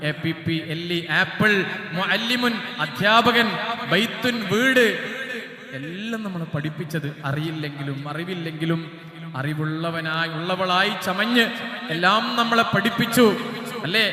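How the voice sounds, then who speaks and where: A man's voice: high voice, unhurried, pushed and bright. A middle-aged man, giving a passionate sermon that moves between speech and song. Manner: passionate preaching, moving into singing. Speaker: speaker. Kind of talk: sung and spoken sermon. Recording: echoey hall.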